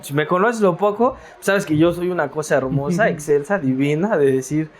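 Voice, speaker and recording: A man's voice: on the high side, normal speed, a crowd in the background. Reflective Mexican man, rambling storyteller. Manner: reflective, rambling, with many fillers and repeated words. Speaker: interview guest. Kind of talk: casual interview storytelling.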